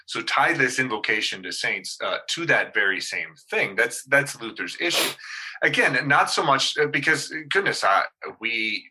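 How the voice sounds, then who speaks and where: A man's voice: medium pitch, lively intonation, moderate pace, bright, forceful tone, breathy edge, rough recording. A male pastor in casual discussion, talking hesitantly with many fillers and restarts.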